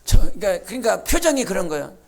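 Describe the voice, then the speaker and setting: A woman pastor preaching a sermon in a church, with emphatic bursts, quiet asides and acted-out quotes. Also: medium pitch, big pitch swings, fast, gravelly. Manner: acts out quoted speech and imitates sounds. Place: church sanctuary.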